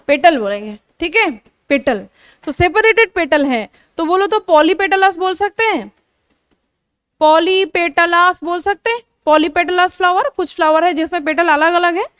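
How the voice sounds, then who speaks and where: High-voiced woman teaching biology. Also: fairly bright tone, no echo, clean studio sound. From India. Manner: explanatory, repeats terms, frequent "theek hai" check-ins, self-corrects. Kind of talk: classroom lecture mixing Hindi and English terms. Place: coaching classroom.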